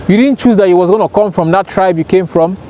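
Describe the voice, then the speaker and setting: A self-help vlogger sits on a rail outdoors by the water and gives an impromptu motivational talk to camera, speaking earnestly and emphatically and often repeating himself for stress. His voice is high, mellow, and quick-paced. The recording is dull and lo-fi, with outdoor noise.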